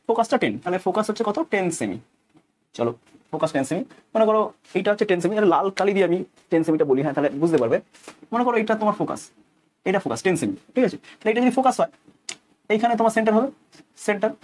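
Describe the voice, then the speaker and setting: Man, Bengali accent, physics lesson, quick delivery, animated pitch, questions to students. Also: slightly rough. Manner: talks through each step aloud, repeats phrases, asks students questions. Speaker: physics teacher.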